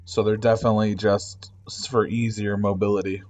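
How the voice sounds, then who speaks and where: A man's voice: fairly low pitch, flat delivery, fairly quick, a little mellow, soft background music. A man narrating as game master of a tabletop game, talking loosely and casually with lots of fillers.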